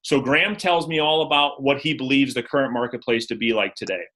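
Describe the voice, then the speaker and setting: A man coaching real estate agents on a live video call, direct and energetic, acting out sales scripts. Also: medium pitch, a little fast, slight background noise, poor audio.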